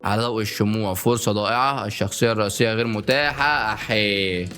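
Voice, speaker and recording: A man with an Egyptian Arabic accent giving joking let's-play commentary, often bursting into panicked repeated shouts. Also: on the low side, quick pace. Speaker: gaming YouTuber. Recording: game music playing underneath.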